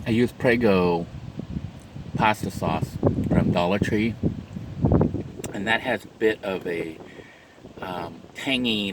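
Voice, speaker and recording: A man's voice: low voice, very noisy. A man vlogging from inside his parked van, chatting unhurriedly as he eats and describes his food in detail. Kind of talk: mukbang eating commentary.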